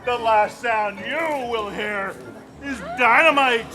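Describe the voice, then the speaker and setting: A high-voiced, slow-talking melodrama villain, gloating and menacing like a maniacal mad scientist. He performs theatrically for a live outdoor show. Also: music in the background.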